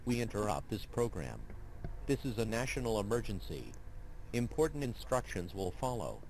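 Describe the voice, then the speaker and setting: A man's voice: fairly low pitch, sing-song, moderate pace. A man voicing a grave male emergency broadcast announcer who breaks into a TV program in a game, speaking in a formal announcement manner. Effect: emergency broadcast interrupting a TV program. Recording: noisy, distant TV broadcast audio.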